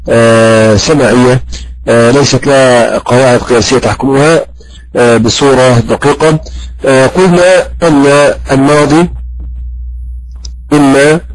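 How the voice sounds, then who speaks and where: Man teaching slowly, with many pauses. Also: mid-range voice, low-quality recording. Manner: slow and halting, with many drawn-out fillers; questions the class and praises the answers. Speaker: Arabic grammar teacher. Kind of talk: classroom lesson with audience questions.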